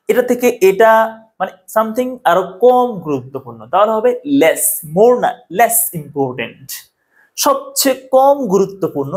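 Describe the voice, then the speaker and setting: A man's voice: sits high, darkish tone. A man teaching an English grammar lesson, explaining step by step and checking in with the viewer often. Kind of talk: Bengali-language grammar lesson.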